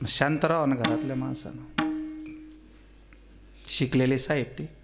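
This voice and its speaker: A man preaching a kirtan sermon, telling humorous stories and questioning the crowd, swinging between loud exclamations and quiet asides. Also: medium pitch, fairly even intonation, unhurried, over loud music. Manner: teasing, asks the audience questions.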